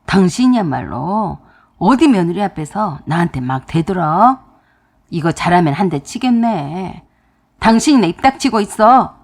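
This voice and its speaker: A woman voicing a blunt older father-in-law who speaks gruffly and slowly in a husky tone. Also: lowish voice, very animated, heavily acted. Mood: angry.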